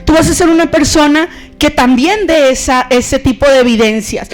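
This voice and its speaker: A woman pastor preaching a sermon in an animated, conversational way, acting out stories. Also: high voice, moderate pace, faint music behind.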